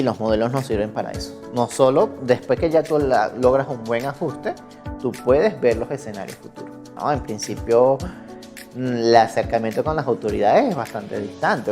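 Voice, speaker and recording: Speaking at a medium pitch with a slightly mellow quality, this Venezuelan mathematics guest researcher in his thirties gives loose, wandering interview answers and keeps correcting himself.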